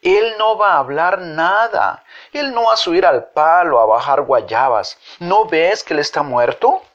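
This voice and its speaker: A sensible little girl, voiced by a man, scolding in a high, sing-song voice. It is a slow storybook reading with a dull, lo-fi sound. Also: expressive, a bit bright. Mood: exasperated. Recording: dull lo-fi recording.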